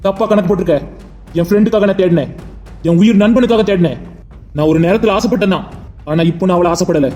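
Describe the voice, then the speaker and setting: A man's voice: sits high, quick pace, pauses often, darkish tone, a little hiss or hum, lightly acted. [name], a man voicing a grieving young friend. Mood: defensive. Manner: earnest, pleading, tearful monologue. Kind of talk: cartoon drama voice acting.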